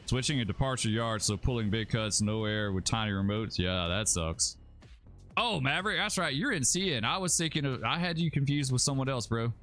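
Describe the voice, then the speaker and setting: With soft background music going, a livestreaming gamer from Alabama chats easily with his viewers, rambling and tossing out "bro" and "dude." His medium-pitched voice is animated and brisk, with a fairly bright tone.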